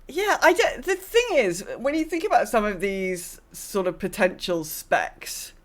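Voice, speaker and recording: Animated but unhurried, a woman with a medium-pitched voice co-hosts a podcast on gaming. Her talk is casual and opinionated, and she thinks aloud while repeating words to drive points home.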